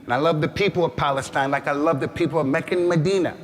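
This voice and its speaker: An American imam gives an emphatic Friday sermon in a mosque hall, repeating words and rising to shouts, his voice a little high and fast. The recording carries long hall reverb.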